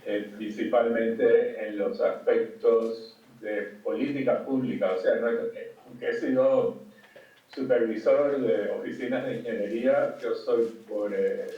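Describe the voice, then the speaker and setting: Older man, from Cuba, conference talk by video call, halting, lots of fillers, distant, muffled, heavy echo. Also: medium pitch. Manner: halting, many fillers and restarts. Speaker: conference speaker. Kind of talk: lecture over video call. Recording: distant, dull, echoey call audio.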